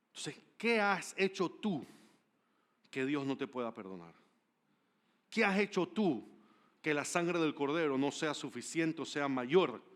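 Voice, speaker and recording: A man preaching a sermon as pastor, telling stories with animated emphasis and swinging between loud declarations and hushed asides. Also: medium pitch. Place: church service.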